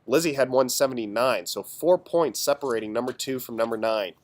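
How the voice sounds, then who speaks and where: A man with a medium-pitched, hoarse voice, sounding under the weather, hosts a homemade sports standings announcement. He talks casually, with a playful touch of official commissioner formality. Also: brisk. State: hoarse, sick. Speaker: fantasy football league commissioner and host.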